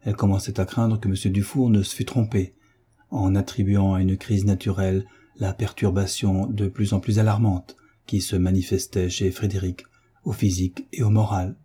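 A man narrating a classic novel as an audiobook, in a measured, even manner. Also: sits low, breathy edge.

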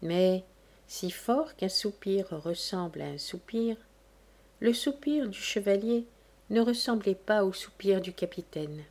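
A woman narrating a classic novel in a measured, deliberate reading. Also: mid-range voice, expressive, a little mellow. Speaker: audiobook narrator.

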